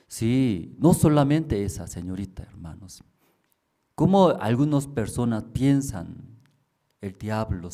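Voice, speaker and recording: A man's voice: fairly low pitch, mellow. A man preaching a sermon in Spanish, telling a story and putting questions to the congregation. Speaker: pastor.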